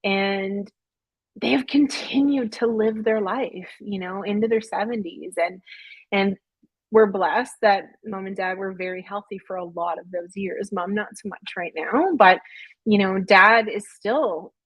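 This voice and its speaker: Husky-voiced woman in her late forties. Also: medium pitch, measured pace, dry recording, rough recording. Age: 40s. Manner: candid, reflective, self-deprecating. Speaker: podcast guest. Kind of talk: casual interview chat.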